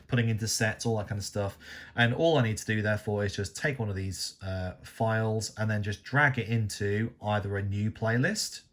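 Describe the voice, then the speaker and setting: A man casually walking through a DJ software tutorial, chatty and rambling, with frequent "you know" and "okay?" asides. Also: on the low side. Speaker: DJ tutorial host.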